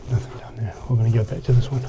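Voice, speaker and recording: A man's voice: medium pitch, fairly even intonation, very fast, muffled recording, noisy background. A man giving casual exploration vlog commentary, muttering tentatively to himself in short, trailing phrases. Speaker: vlogger exploring an abandoned mine. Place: underground inside an abandoned mine.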